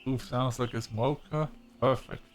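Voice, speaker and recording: A man casually commenting while playing a story game, relaxed and joking. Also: on the low side, takes it slowly, faint music behind. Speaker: game streamer reading all parts. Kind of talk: casual let's-play commentary.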